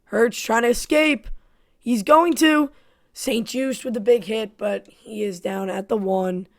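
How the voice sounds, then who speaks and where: A woman's voice: a little high, steady tone, measured pace. A woman giving play-by-play commentary on her own football video game, frustrated and self-critical. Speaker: gaming YouTuber.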